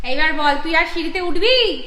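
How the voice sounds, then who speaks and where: High-voiced woman, playfully scolding, echoey room. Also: expressive, a little fast, sharp tone. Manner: mock-scolding, playful threats. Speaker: family vlogger and mother. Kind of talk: casual home vlog, talking to her small children. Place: family home indoors. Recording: echoey room with noticeable noise.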